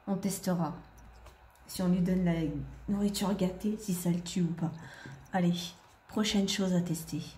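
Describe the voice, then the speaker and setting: This woman, a gaming video creator, chats casually with the game's characters during her let's-play. Her lowish, mellow voice stays steady at a moderate pace, broken by long pauses.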